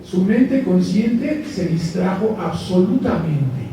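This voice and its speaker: Lively man lecturing in an echoey hall. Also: high-pitched, takes it slowly. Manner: lively, joking, asks the audience questions. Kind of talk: live conference lecture. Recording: echoey hall, mic far off, faint hiss.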